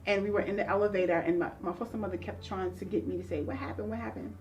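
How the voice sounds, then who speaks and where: A woman's voice: lowish voice, fairly even intonation, very fast, darkish tone, muffled recording. Woman counselor guest, earnest storyteller, slightly distant mic, faint music bed. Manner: earnest and reflective, acting out remembered voices. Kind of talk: interview storytelling.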